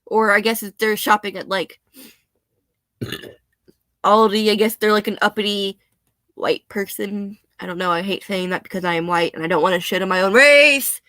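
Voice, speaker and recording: A young woman, a bit hoarse, chatting casually and laughing often as she rambles. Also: mid-range voice, moderate pace, pushed and bright, no room sound. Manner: chatty, laughs often, self-deprecating asides. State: slightly hoarse.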